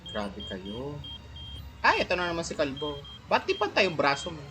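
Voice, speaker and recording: A woman, a gamer streamer, shrieking and playful in excited casual chatter, mixing English phrases. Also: low voice, normal speed, noisy background.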